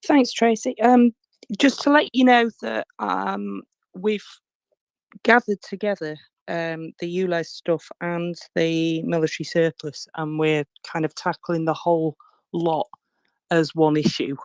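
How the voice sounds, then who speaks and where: Even-toned woman giving an update. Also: on the low side, measured pace, creaky, dry recording. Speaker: guest speaker. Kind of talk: informal spoken update.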